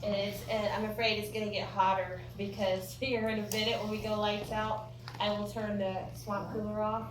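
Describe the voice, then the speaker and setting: A woman's voice: mid-range voice, little pitch movement, normal speed. An American woman working as a ghost tour guide, telling stories to a group in a folksy, joking, chatty way. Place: indoor room of an old theatre. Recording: roomy echo, distant mic, clear background noise.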